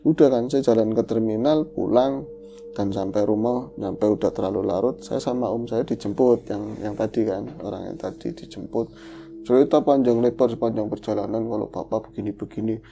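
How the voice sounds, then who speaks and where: A man with a very dark, mellow voice tells a personal ghost story as a podcast guest. He talks loosely and conversationally, scattering fillers through his lively storytelling. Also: fairly low pitch, normal speed, creaky, faint music behind. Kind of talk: recounting a ghost story in casual chat.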